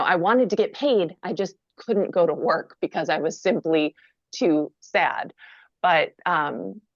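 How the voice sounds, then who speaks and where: A guest author from Minnesota with a low voice answers interview questions conversationally, candid and wry, deflating heavy moments with dry jokes at her own expense. Her voice is dead and close with no echo or room sound, carried over a dull, lo-fi video call.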